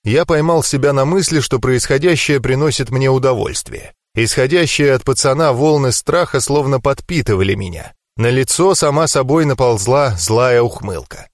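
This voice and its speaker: A man's voice: mid-range voice, lively intonation, normal speed, hardly any pauses, dry recording, studio quality. A man narrating a first-person audiobook with a tense, dramatic delivery.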